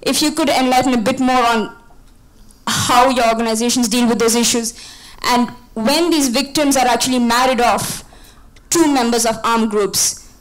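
Young woman, from India, higher voice, articulate, handheld mic, audience question. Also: normal speed, poor audio. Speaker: audience member asking a question. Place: conference hall. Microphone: handheld microphone.

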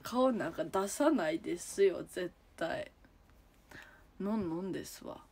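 On the low side, a little mellow and husky, her voice is expressive and unhurried. This young Kansai-accented idol chats on a livestream in her room, taking viewers' comments one by one with plenty of giggles.

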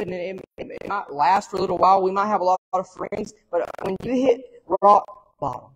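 A man's voice: on the high side, big-room sound, low-quality recording. A male pastor from the preaching an earnest sermon and repeating phrases for emphasis.

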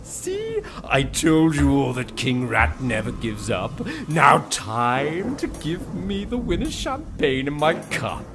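A man playing a gloating, scheming rat king in a radio pantomime, with a gravelly, theatrical delivery. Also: on the high side, wildly swooping pitch, slow pace, hardly any pauses, full character voice. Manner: theatrical, relishing, rhyming villain speech. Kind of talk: radio pantomime villain acting. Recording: music playing behind.

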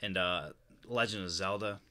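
A man's voice: deep voice, moderate pace, pushed and bright. A man co-hosting a podcast, talking about video games in a blunt, casual way with plenty of swearing. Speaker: podcast co-host. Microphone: podcast microphone.

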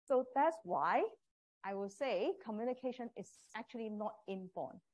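This woman is a communication-course professor giving a live presentation to prospective students. Her mid-range voice is animated and darkish at a normal speed, and her Cantonese-accented, non-native English has small grammar slips.

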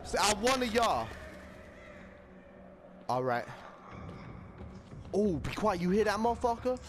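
Excitable, profane man, high and lively. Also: measured pace, slight background noise. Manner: profane, excitable, talks to the screen. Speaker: gaming commentator. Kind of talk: let's play commentary. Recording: game music behind.

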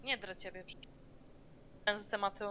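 A woman's voice: medium pitch, fairly even intonation, a little slow, sharp tone, slight background noise. A woman moderating a stream, teasing and nagging the streamer with heavy swearing in casual bickering chat. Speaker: channel moderator.

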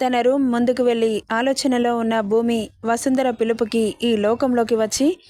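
A woman's voice: fairly high pitch, flat delivery, moderate pace, dark tone, no room sound, studio quality. Woman narrating a serial story.

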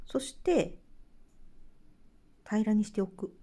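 A woman with a Hokkaido Japanese accent talks through a craft tutorial in a casual, chatty way. Her voice is mellow and her pitch moves around a lot. She laughs often and murmurs quietly to herself between steps. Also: lively intonation, slow. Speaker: craft channel host.

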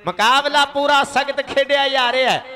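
A man gives live kabaddi commentary in a very high voice. His tone is sharp and bright, and he chants repeated words and rhyming sayings to the ground. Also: steady tone, moderate pace.

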